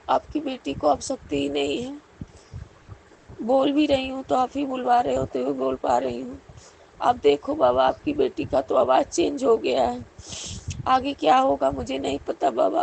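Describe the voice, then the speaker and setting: A woman's voice: high-pitched, gravelly, a little mellow, a little hiss or hum, rough recording. A middle-aged woman speaking a devotional prayer aloud, pleading with her guru again and again. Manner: pleading, repeatedly addressing the guru. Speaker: devotee sharing a personal prayer.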